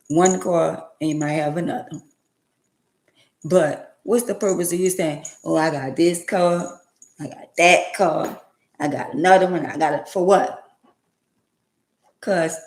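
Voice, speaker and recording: A woman's voice: low voice, gravelly, a little mellow, echoey room. A woman around sixty, talking emphatically and repetitively in a preachy, casual way on her livestream. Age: 60s. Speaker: livestream host.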